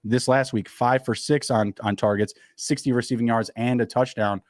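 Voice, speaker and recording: A man co-hosting a casual fantasy football podcast, rattling off stats quickly with plenty of fillers. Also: mid-range voice, fairly even intonation, no room sound, studio quality. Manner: quick, upbeat, stat-heavy talk with fillers. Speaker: podcast co-host.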